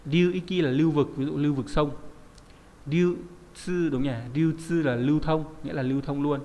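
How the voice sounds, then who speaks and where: A man's voice: fairly high pitch, steady tone, normal speed, mellow, long reverb tail. A man teaching a kanji lesson in a chatty way, often asking the class rhetorical questions. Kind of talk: online lesson explaining kanji.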